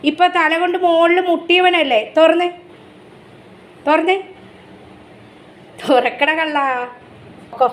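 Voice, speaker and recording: A woman's voice: extremely high pitch, slow, long pauses. A woman vlogging casually at home, coaxing her pet dog in baby talk and chatting to viewers. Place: home, indoors and up on the terrace.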